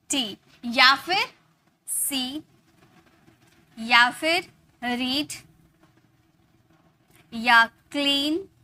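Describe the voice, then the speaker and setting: A woman with a high, sharp-toned voice gives a casual English pronunciation lesson step by step. She spells letters aloud and keeps checking in with "okay."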